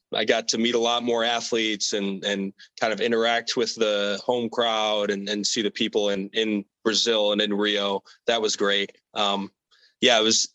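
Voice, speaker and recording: Young man, lowish voice, dry close sound, relaxed interview answers, repeats words, many fillers. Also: no echo, low-quality recording. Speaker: athlete guest.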